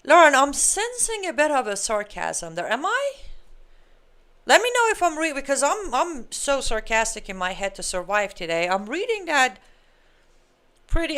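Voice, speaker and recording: A woman's voice: mid-range voice, a bit bright, clean tone. Emphatic woman hosting political commentary. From Iran. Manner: emphatic, argumentative, with sarcastic asides. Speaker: political commentary show host. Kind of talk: live-stream political commentary.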